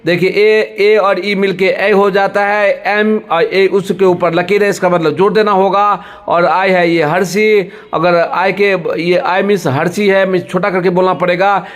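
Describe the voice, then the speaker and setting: A man teaching English vocabulary in Hindi, reading out words and spelling out their pronunciation slowly and deliberately. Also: high voice, steady tone. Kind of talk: bilingual vocabulary lesson.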